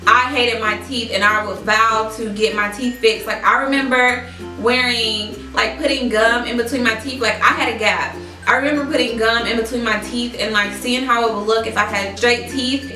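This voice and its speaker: A young woman telling a personal story in a casual, chatty, emphatic and expressive way, as a vlogger talking to her viewers. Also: on the high side. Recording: echoey room, distant mic, music.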